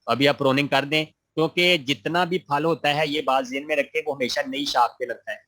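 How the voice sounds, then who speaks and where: This gardening teacher's voice is on the high side, sharp in tone and fairly even in intonation. Teaching online, he reads students' questions and answers them with patient encouragement, his friendly speech peppered with religious phrases.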